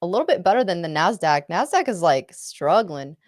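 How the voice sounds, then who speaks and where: This woman co-hosts a live trading show, commenting on the market in playful casual chat and laughing often. Her voice is on the low side with big pitch swings and a fairly quick pace. The sound is dry and clean, like a studio.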